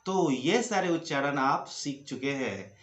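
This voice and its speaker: A man teaching English pronunciation in Hindi, saying each example word slowly and repeating it twice. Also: fairly high pitch, echoey room.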